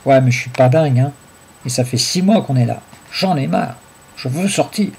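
Hulking dim brute, gruff and blunt, mellow dark tone, read by a man. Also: medium pitch, moderate pace. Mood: fed up. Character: hulking dim-witted brutish adult man.

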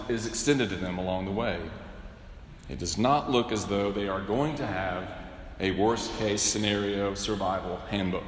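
Bishop preaching in an echoing cathedral. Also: male voice, lowish voice, slight background noise. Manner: measured, with wry humor and rhetorical questions. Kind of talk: sermon. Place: large cathedral, indoors. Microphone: pulpit microphone. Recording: echoey cathedral with long reverb.

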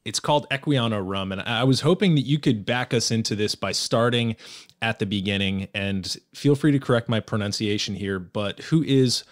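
A man's voice: fairly low pitch, moderate pace. A man hosting a podcast, asking questions casually with hedging fillers. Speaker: podcast host. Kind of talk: casual interview.

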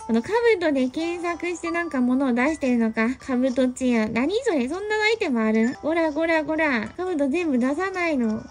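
A young woman giving casual let's-play commentary, playful and teasing and quick to laugh. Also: high voice, darkish tone. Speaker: game commentator.

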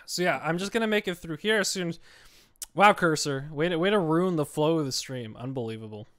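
A man's voice: on the high side, expressive, brisk, fairly bright tone, clear, resonant tone. A young man streaming a game, talking casually in a rambling, conversational way. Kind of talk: casual livestream chat. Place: small indoor room at home.

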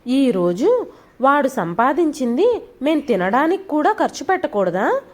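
A timid older father-in-law in an audio storybook, pleading softly, played by a woman narrator. The voice stays fairly high and lively in its rise and fall. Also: unhurried. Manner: gentle, pleading. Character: meek elderly father-in-law, pleading gently.

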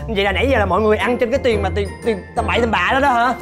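Woman teasing her brother-in-law, quick talker, music under it. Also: medium pitch. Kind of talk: sitcom acting.

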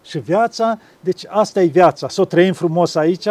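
A man, an abbot, talking gently about faith and acting out little dialogues as he tells stories. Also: sits high. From Romania. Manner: gentle storytelling, acts out dialogues. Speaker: monk and abbot. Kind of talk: spiritual conversation.

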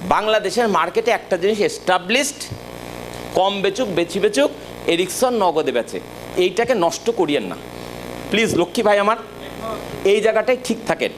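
Emphatic high-voiced male sales trainer. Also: expressive, moderate pace, pauses often, background noise. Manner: emphatic, direct, repeatedly checks the audience understands. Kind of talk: live sales training talk to staff.

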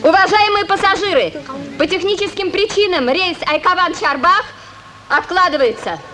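Over the murmur of a crowd comes a very high-voiced female official. She delivers formal airport-style announcements with zealous Soviet ceremony, as in a film comedy. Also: moderate pace. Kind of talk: comedy-drama film acting. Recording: outdoor crowd behind the voice.

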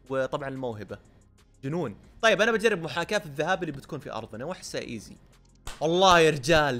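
A man with a Gulf Arabic accent giving excited, chatty commentary on a football video game and scolding the players on screen. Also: on the high side. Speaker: gaming YouTuber.

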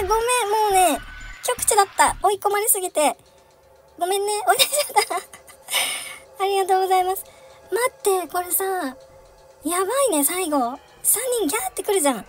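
A young woman commentating a horror chase game, giggling often and shrieking when chased. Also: very high voice. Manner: giggly, frequent laughter, shrieks in panic. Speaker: game streamer. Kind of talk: let's-play commentary.

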